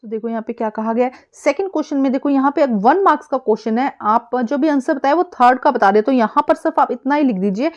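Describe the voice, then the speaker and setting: An Indian woman teaching an exam-prep lesson, explaining casually and reading English passages slowly and haltingly. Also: high voice, darkish tone, highs cut off.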